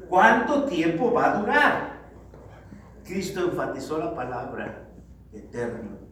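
Guy preaching, high voice, big booming echo, mic kinda far off, faint hiss, gets loud then drops low and grave. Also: huge pitch swings, slow. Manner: emphatic, swinging from loud exhortation to low grave tones; addresses the congregation as brothers. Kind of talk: sermon. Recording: very echoey hall, distant mic, faint noise.

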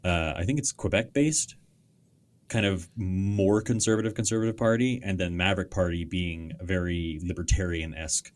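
Man, from Canada, very low voice, sarcastic, casual podcast talk. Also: moderate pace. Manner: sarcastic, explanatory. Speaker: podcast co-host. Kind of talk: casual political chat.

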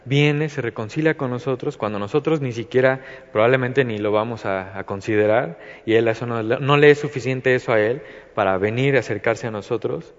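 A man with a Mexican accent leads an informal Bible study, his speech looping through fillers and restarts. His voice sits at an ordinary pitch. The recording is muffled and carries a long, hall-like reverb. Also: brisk. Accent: Mexican Spanish. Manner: rambling, many fillers and restarts. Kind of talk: informal devotional talk.

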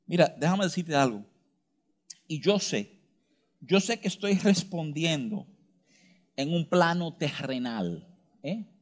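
High-voiced man preaching emphatically. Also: lively intonation. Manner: emphatic, with frequent rhetorical tag questions; shifts between fast asides and slow, stressed words. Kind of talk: sermon.

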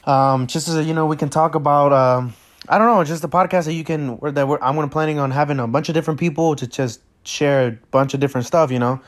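A man's voice: fairly high pitch, quick pace. A teenage boy from Mexico hosting his first solo podcast episode, talking casually and nervously with lots of fillers and restarts, without a proper mic. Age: teens. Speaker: podcast host.

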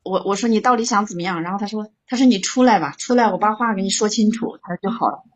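A woman's voice: mid-range voice, quick pace. A woman calling into an advice show, telling her own story with stammering repeats. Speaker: caller.

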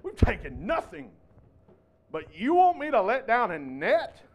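Man doing indignant grown fisherman, condescending, high voice, drawn-out complaining. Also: huge pitch swings, creaky, lo-fi sound, heavily acted. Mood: exasperated.

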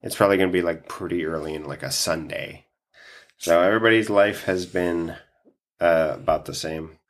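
A man's voice: sits low, normal speed. A man hosting a podcast in casual chat, stuffy from allergies, who swears often and laughs a lot. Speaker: podcast host.

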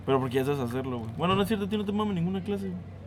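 A man's voice: high voice, lively intonation, racing, a crowd in the background. A young man with a Mexican accent, chatting casually on a podcast with friends, dropping slang constantly. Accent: Mexican Spanish. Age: young adult. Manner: slangy, ends phrases with "güey". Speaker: podcast co-host. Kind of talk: casual chat. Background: friends talking over each other.

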